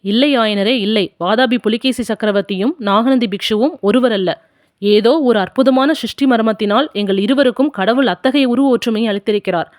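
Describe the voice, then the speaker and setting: A woman voicing a gentle male monk disguised as a king, speaking in a calm, measured way in an audiobook. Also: on the high side, no room sound, clean studio sound, natural voice.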